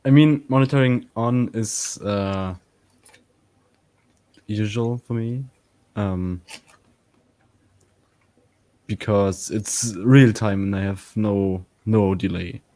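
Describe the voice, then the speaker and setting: Man, low voice, very slow, halting, careful explaining, casual chat. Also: steady tone, dark tone, dry recording. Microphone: microphone through an audio interface.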